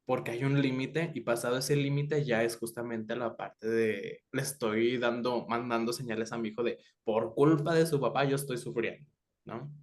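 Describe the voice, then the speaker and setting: A man explaining calmly as a psychologist on a panel, often checking in with his listeners. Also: medium pitch, normal speed. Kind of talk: conversational panel talk.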